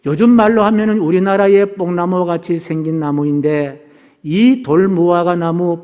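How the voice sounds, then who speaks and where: A man's voice: on the high side, dull audio. Earnest preaching pastor, man, in a reverberant hall. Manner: earnest preaching, opens with recited verse. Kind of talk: sermon. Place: church sanctuary.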